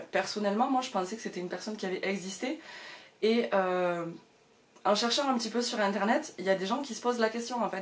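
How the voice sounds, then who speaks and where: A woman chatting casually to the camera about her books at home, with lots of hesitations and fillers. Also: mid-range voice. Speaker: book vlogger.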